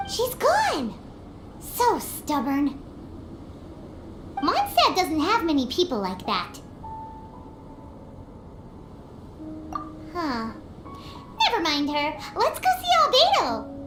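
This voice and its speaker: A woman voicing a tiny, childlike fairy companion in a video game, squeaky, excitable and cheeky. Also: slow pace, long pauses, echoey room, music in the background, full character voice. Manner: speaks of self in third person.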